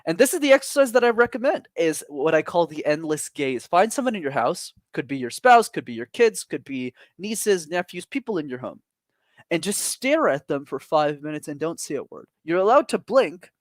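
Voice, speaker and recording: In an online advice session, a non-native English-speaking coach talks with lively, emphatic energy, his fairly high pitch rising and falling animatedly. He keeps a normal pace. The recording is dry and close-miked, with no room sound.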